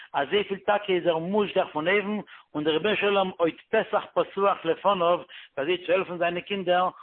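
Male religious teacher, storytelling sermon, somewhat husky voice, lively pitch jumps for quotes, tinny phone-line recording. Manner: animated retelling, often jumping up in pitch for quoted voices; quick run-on phrasing with many Hebrew religious terms. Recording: tinny phone-line or radio-band sound.

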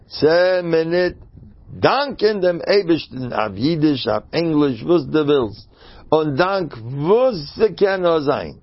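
A man giving a sermon through anecdotes, in a halting, stop-and-start way, on a dull lo-fi recording. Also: mid-range voice, creaky. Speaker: religious teacher.

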